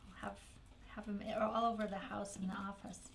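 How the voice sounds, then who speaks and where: A woman's voice: medium pitch, flat delivery, fairly quick, gravelly, a little hiss or hum. A woman hosting a live craft show, chatting playfully and joking with her co-host as she works. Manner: chatty and playful, jokes and laughs often.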